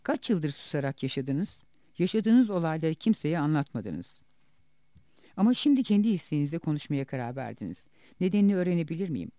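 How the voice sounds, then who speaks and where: A man reading the part of a gentle interviewer in an audiobook, asking careful, probing questions. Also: on the high side, big pitch swings, brisk, no echo.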